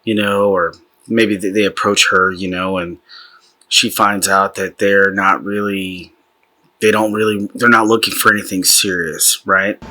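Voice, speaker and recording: A man's voice: sits low, little pitch movement, a little slow, bright, forceful tone, rough recording. A man hosting a casual commentary show late at night, sighing and rambling with fillers while sick with a cold. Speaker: host.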